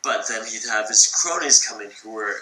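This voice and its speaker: A man's voice: fairly low pitch, animated, normal speed, sharp tone, echoey room, a little hiss or hum, rough recording. A drunk man rambling through a history story, swearing constantly and slurring. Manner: profane, slurring, rambling, acts out quotes. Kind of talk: tipsy rambling retelling of history.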